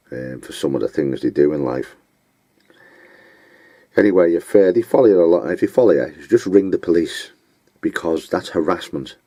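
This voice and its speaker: Very deep-voiced blunt, scornful man. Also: animated, dark tone, dry recording. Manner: blunt, scornful, name-calling; halting, with many fillers. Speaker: vlogger giving advice. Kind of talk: unscripted monologue.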